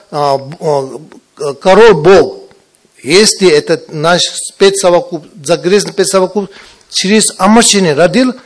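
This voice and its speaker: A man with a high voice gives a Buddhist teaching to students in halting, broken Russian, which is not his native language, and he has a foreign accent. His grammatical endings are often wrong, and he repeats himself while frequently checking understanding with short tag questions.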